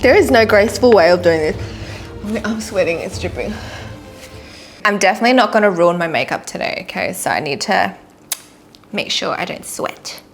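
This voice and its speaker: A woman's voice: mid-range voice, animated, normal speed, long pauses, soft background music. A woman chatting casually to camera while eating, her mouth burning from spicy food as she struggles to swallow and breathe. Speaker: vlogger doing a spicy food challenge.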